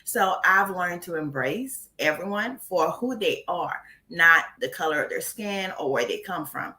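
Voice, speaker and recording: A woman from Haiti talks candidly in a casual interview, blunt and quick to laugh. Her voice sits low but sounds bright and forward. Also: lively intonation. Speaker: guest.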